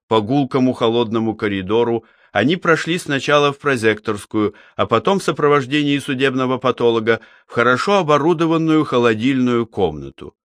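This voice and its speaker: A man's voice: medium pitch, dry recording. Man narrating an audiobook, dry and close. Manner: measured, even storytelling.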